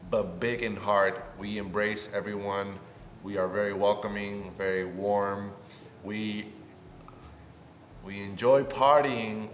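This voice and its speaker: This Puerto Rican YouTuber in his twenties, whose first language is Spanish, has a lowish voice as he chats through a casual self-introduction for his new channel. His cheerful tone builds with excitement, and the recording carries slight background noise and a long, echoey reverb.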